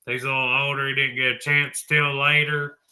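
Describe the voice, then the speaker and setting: A man's voice: medium pitch, level tone, a little fast, bright, forceful tone. A man hosting a college football talk show, blunt and folksy, tossing in mild swearing. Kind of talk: opinionated sports talk.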